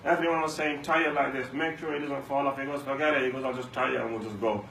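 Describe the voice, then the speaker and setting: A man's voice: medium pitch, fairly even intonation, quick pace, gravelly, pushed and bright. A man giving a Ramadan talk at a mosque, telling stories and repeating lines for emphasis. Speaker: mosque speaker. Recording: echoey room, mic far off, faint hum.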